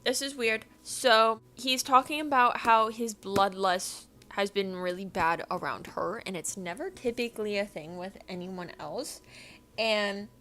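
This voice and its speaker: A woman's voice: mid-range voice, steady tone, measured pace, pushed and bright. A young woman ranting about a book in a casual, profane, late-night chat, full of "like" fillers. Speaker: book reviewer and artist. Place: home, drawing while screen sharing.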